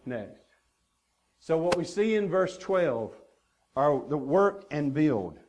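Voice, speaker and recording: A man's voice: fairly high pitch, very animated, slow, a little mellow, a little hiss or hum. A man preaching a sermon as pastor, earnest and emphatic, stacking repeated phrases.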